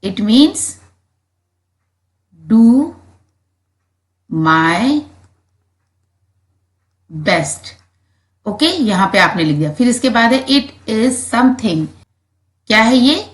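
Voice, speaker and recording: A woman's voice: on the high side, animated, unhurried. A woman teacher with an Indian accent reads English textbook lines aloud for children and then explains each one plainly. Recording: echoey room.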